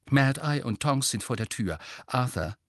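Man putting on a strict wizard mum, hushed and scolding, dry close sound. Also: mid-range voice, expressive, measured pace, no room sound, pitched above the performer's own voice. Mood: firm. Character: stern protective wizard mother.

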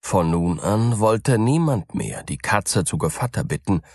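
A man reading a fairy tale aloud in a calm, unhurried storytelling manner. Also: lowish voice, slightly rough, no room sound, studio quality.

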